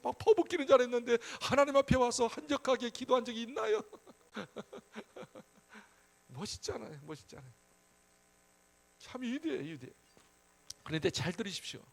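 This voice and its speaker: A man preaching with a high-pitched voice, pushing hard on some phrases and dropping almost to a murmur on others. He talks to the congregation in a conversational way, urging and asking questions. A steady mains hum runs under the recording. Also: moderate pace, gravelly, pauses often. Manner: emphatic, conversational preaching that swings between loud urging and soft asides. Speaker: pastor. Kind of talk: sermon at a Friday prayer meeting.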